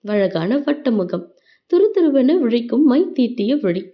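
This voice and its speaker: A woman narrating a romance audiobook, voicing every character herself in an expressive storytelling style. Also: fairly high pitch, measured pace. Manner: expressive, shifts voice slightly for dialogue.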